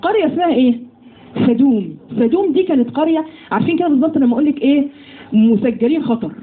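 A woman with an Egyptian accent giving a lively religious lesson to women, often putting questions to her listeners. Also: high-pitched, very fast. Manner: lively, asks the audience questions. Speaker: religious teacher. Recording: tinny phone-like audio with faint noise.

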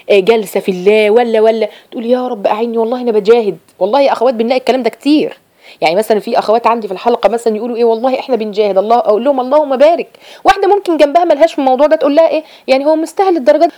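Very fast-talking Egyptian woman teacher. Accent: Egyptian Arabic. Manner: animated, acts out quoted friends in a high voice. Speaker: religious teacher. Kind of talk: religious lesson to women.

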